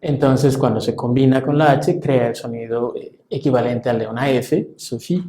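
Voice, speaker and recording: A man teaching French pronunciation in Spanish, measured and halting, with frequent fillers. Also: medium pitch, steady tone, warm tone, roomy sound. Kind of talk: explaining pronunciation to a class.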